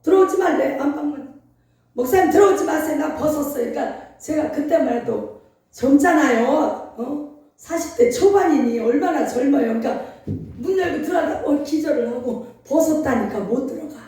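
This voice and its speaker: An older woman pastor preaching a sermon, telling a story in an animated, emphatic way. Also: high-pitched, normal speed. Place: church sanctuary. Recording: very echoey hall, from far off.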